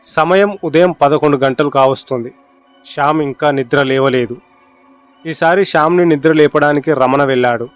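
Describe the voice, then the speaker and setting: A man narrating a horror story in an expressive, dramatic storytelling manner. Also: on the high side, normal speed, no echo. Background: faint music.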